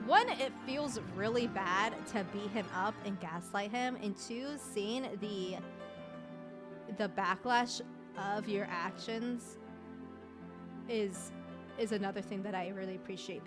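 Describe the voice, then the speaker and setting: A woman streamer giving casual, chatty commentary at a year-end awards stream, laughing often. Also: mid-range voice.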